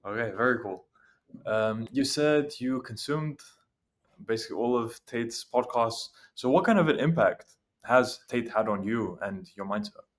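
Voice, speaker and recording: Male interviewer, average pitch, brief and straightforward questions. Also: a little slow. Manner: brief, plain prompts.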